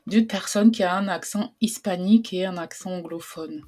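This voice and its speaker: Chatty woman with a lower voice. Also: normal speed, mellow. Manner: chatty, hesitant, many fillers, laughs easily. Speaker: tutorial host. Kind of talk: casual screen tutorial.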